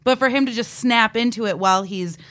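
A woman's voice: a little high, fairly quick, a bit bright. A woman co-hosting a casual podcast chat, often agreeing and giving her own take. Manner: agreeable, frequent backchannel yeahs. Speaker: podcast co-host.

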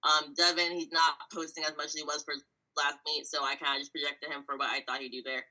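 A woman's voice: low-pitched, little pitch movement, quick pace, bright, forceful tone, low-quality recording. A woman co-hosting a casual sports chat podcast, methodically going through numbers with small fillers. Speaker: podcast co-host.

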